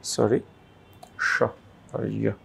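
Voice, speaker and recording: A man's voice: on the low side, little pitch movement, vocal fry, a bit bright, husky. A man from Bangladesh teaching English pronunciation, who stretches out the example words and often checks with "right?". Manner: drawn-out model pronunciations, frequent "right?". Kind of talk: slow explanatory lesson.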